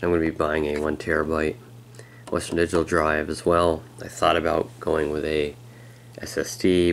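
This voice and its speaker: A man who is a bit sick, giving a casual, halting walkthrough of his laptop as a tech vlogger. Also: extremely low pitch, gravelly, slight background noise. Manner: halting and unhurried, with frequent pauses. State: sick, with a slightly strained voice. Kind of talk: casual hands-on product walkthrough.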